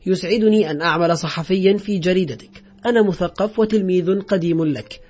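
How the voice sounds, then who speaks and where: A resentful ex-convict, read by a man in a high, husky voice, clipped and bitter, with sardonic edges. The audiobook recording sounds dull and lo-fi, with faint music under it. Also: brisk, darkish tone.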